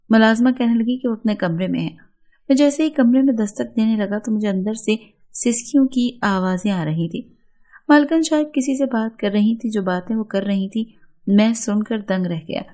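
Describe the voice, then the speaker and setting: A woman with an Urdu accent reading a first-person story in a steady, earnest storytelling manner. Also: fairly high pitch, normal speed.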